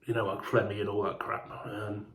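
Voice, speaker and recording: A man's voice: fairly low pitch, little pitch movement, fairly quick, a bit bright, echoey room, a little hiss or hum. A man telling a casual, rambling travel story, sweary and chatty, sounding hungover and unwell. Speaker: fan vlogger.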